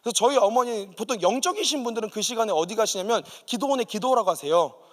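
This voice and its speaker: Brief: male pastor, high and very animated delivery, vivid storyteller, sanctuary reverb. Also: fast. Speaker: guest pastor. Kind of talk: sermon with personal testimony. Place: church sanctuary.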